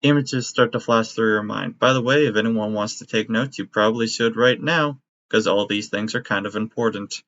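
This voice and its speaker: A man acting as game master, narrating a tabletop game in a steady, descriptive way. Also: lowish voice, normal speed, hardly any pauses. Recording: dry, slightly muffled audio.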